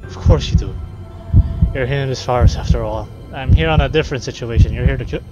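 A man playing through a game, reading its text aloud and reacting excitedly, swearing often. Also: mid-range voice, fast, dull audio, over loud music. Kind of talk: playthrough narration with reactions.

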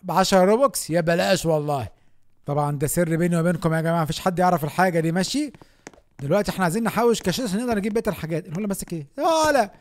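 A young man with an Egyptian Arabic accent giving excited gameplay commentary as a gaming YouTuber, often shouting and laughing. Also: high voice, rapid-fire, a little hiss or hum.

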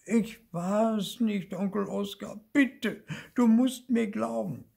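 A man voicing a small, whiny young boy ghost who pleads and wails in a high, slow voice. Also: vocal fry, darkish tone, breathy edge, full character voice. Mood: pleading. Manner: pleading, wailing.

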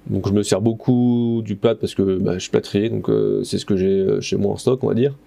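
Filmed with a head-mounted action camera in a stone room, a man in his thirties who works as a plasterer talks through renovating a stone wall, casually and with plenty of fillers and self-corrections. His voice is lowish, creaky and dark, steady in tone at a moderate pace.

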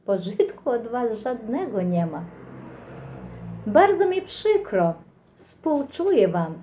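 Slow, toothless older woman, Ukrainian accent. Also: fairly high pitch, mellow, a little hiss or hum, rough recording. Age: middle-aged or older. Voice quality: slurred articulation from missing teeth. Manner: folksy, rambling, addresses viewers with endearments. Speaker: host of an eating vlog. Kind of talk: casual chat to viewers while eating.

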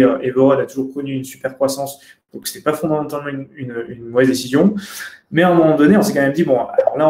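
A man's voice: medium pitch, a little mellow. A young man giving a webinar talk over slides on a video call, hesitant, with many fillers and restarts. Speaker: conference speaker. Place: indoor room. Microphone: webcam video call. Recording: roomy webcam audio.

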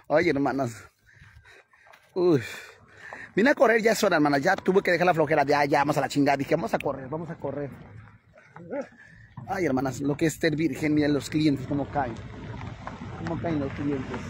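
A man's voice: a little high, a little hiss or hum, close to an everyday voice. A man voicing a brash, foul-mouthed middle-aged woman out jogging, who chats crudely and dramatically to viewers she calls sisters. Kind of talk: comic character vlog. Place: outdoors on the street.

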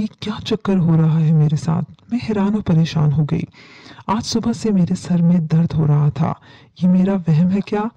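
A woman narrating a first-person horror story as a storyteller, reading calmly and earnestly. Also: on the low side, no room sound. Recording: dull lo-fi dry recording.

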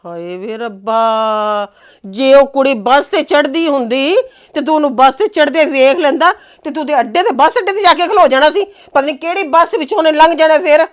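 An actress playing a sharp-tongued middle-aged mother in a family web drama, scolding and mocking her grown son with theatrical exclamations. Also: high-pitched, quick pace, close to an everyday voice.

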